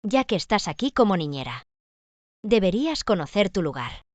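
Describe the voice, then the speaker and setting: A woman's voice: mid-range voice, sing-song, moderate pace, no room sound, natural voice. An actress dubbing a proud, wounded young woman in a melodrama. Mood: scornful, heated. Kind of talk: dubbed melodrama acting.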